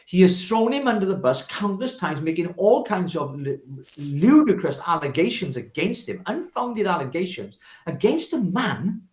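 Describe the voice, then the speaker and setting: In a reverberant recording, a man from Wales talks spontaneously as a political interview guest, with a high voice, big pitch swings, and normal speed. A former parliamentary candidate and activist, he's emphatic and oratorical, relying on repetition and rhetorical questions.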